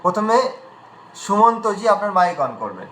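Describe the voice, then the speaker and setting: A man's voice: sits high, sing-song, normal speed, sharp tone, reverberant, a little hiss or hum, poor audio. A man teaching pronunciation in an online class, patiently demonstrating sounds one at a time.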